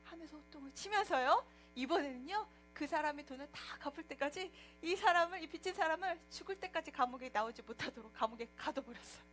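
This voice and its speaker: A woman preacher tells a story to children and keeps asking them questions. Her voice is very high, bright and full of lively swings, with soft music behind. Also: quick pace. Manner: animated, asks the children questions.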